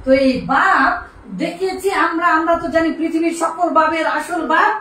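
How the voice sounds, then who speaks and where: High-voiced woman teaching in an echoey room. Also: steady tone, moderate pace, pushed and bright. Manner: quizzing students, repeating terms. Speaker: Arabic grammar teacher. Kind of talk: classroom lesson. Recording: echoey room, distant mic, faint noise.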